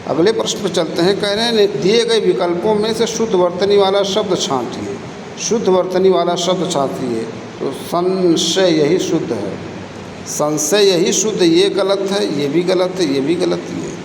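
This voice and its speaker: A man teaching a spelling lesson for exam prep, slowly repeating each answer and checking in with the class. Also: sits high, background noise. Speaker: Hindi teacher. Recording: echoey room, faint ambience.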